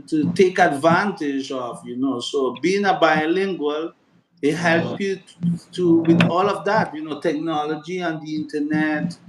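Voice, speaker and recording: Answering casual interview questions, a man with a fairly high voice talks in a chatty, earnest way, often repeating words and using fillers. Spanish is his first language. The recording is echoey, with heavy background noise.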